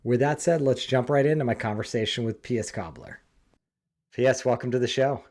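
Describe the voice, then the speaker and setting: Man, podcast host, casual interview, easygoing and curious, mid-pitched voice. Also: fairly quick. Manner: relaxed, friendly, curious questions.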